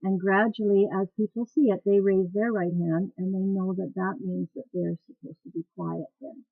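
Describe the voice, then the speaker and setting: A woman instructor explains voice care in a plain, practical way, her voice a little gravelly at the edges. The sound is dry and thin, like a phone line, picked up by a webcam mic. She talks straight to her class. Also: medium pitch, flat delivery, moderate pace, no echo. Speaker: dance cueing instructor. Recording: tinny phone-like webcam recording.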